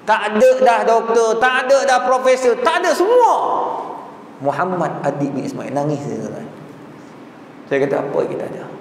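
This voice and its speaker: A man with a Malaysian Malay accent gives a lively religious lecture and slips into the voices of the people in his stories. His voice sits fairly high for a man. It rings through a large mosque hall with a long, roomy reverb. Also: normal speed, slight background noise. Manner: lively storytelling, acts out quoted people.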